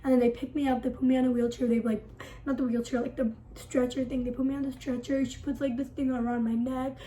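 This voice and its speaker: A woman's voice: sits high, level tone, quick pace, dark tone, slight background noise, low-quality recording. A woman vlogger telling a storytime in a dramatic, breathless way, filling it with "like". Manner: breathless, dramatic retelling packed with "like". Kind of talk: storytime vlog.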